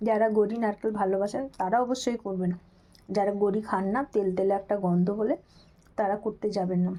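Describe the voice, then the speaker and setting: A woman's voice: medium pitch, fairly even intonation, fairly quick, warm tone, poor audio. A woman hosting a home cooking video, chatting directly to her viewers from her kitchen. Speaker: cooking channel host. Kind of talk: casual cooking video talk.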